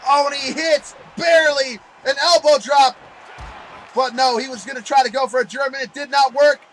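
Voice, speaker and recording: A man calling play-by-play as a wrestling commentator, excitable and exclamatory in his delivery. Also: extremely high pitch, moderate pace, raised voice, a little hiss or hum, poor audio.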